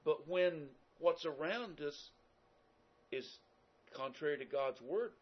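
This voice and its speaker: A man with a Southern American accent preaches a sermon in a folksy, conversational style, his fairly high, animated voice moving slowly and climbing in emphatic rises. The recording sounds dull and lo-fi.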